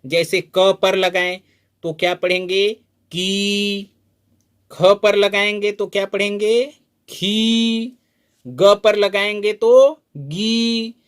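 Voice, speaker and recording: A fairly high-voiced man teaches in an unhurried, deliberate way. He stretches each syllable out and keeps asking the learner how to read it. The sound is of a patient classroom lesson. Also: smooth. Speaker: Hindi teacher. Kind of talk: slow spoken lesson at a board.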